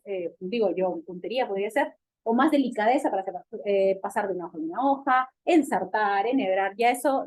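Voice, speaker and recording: A woman's voice: a little high, a little mellow. A woman doctor with a Peruvian Spanish accent, giving a medical lecture and asking and answering her own questions. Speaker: physical medicine doctor lecturing on child development.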